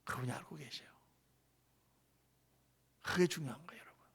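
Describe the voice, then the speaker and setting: Korean pastor guy preaching, high gravelly voice, goes loud then drops to a whisper. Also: a little fast. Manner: swings from loud exclamations to hushed whispers. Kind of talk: sermon.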